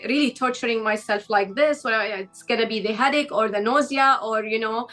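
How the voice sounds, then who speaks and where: A woman's voice: on the high side, normal speed, fairly bright tone, faint music behind. Encouraging woman interview host. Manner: encouraging, probing questions. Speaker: host, founder of the travel company. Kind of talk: interview hosting.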